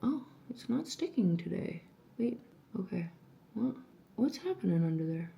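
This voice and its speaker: Young woman vlogging at home, rambling and self-mocking, coaches herself aloud to keep calm. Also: mid-range voice, normal speed, creaky, dull audio. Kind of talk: casual chatty vlog while doing a beauty treatment.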